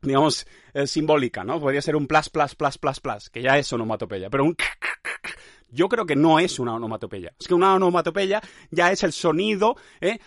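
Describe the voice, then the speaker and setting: A podcast host from talks in a mock-pompous, vehement ramble, tagging his lines with "¿eh?". His voice sits a little high. The sound is dry and close. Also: no echo. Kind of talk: rambling absurdist monologue.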